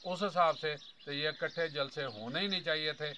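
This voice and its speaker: A man in his mid-fifties with a very sharp, forceful and bright voice, talking straight to his viewers in a long, earnest political commentary. He explains his points at length. A faint hum of noise sits behind him. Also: on the high side, normal speed. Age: 50s. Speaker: vlogger.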